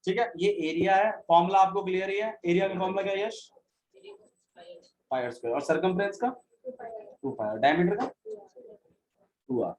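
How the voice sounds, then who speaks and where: A man's voice: high-pitched, fairly quick, long pauses, darkish tone, low-quality recording. A male maths teacher giving a classroom lecture, repeating key phrases and quizzing his students as he goes.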